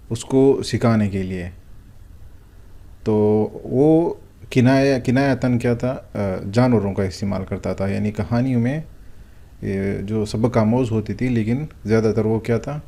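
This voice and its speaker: A man's voice: lowish voice, gravelly, mellow. A man teaching a vocabulary lesson, explaining words one at a time with frequent hesitant fillers and asking and answering his own questions. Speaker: Arabic teacher.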